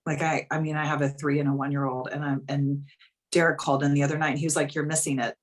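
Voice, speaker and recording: A woman's voice: low-pitched, little pitch movement, quick pace. A woman in her thirties, a life coach talking frankly and casually on a live coaching call, full of "like" and the odd swear word.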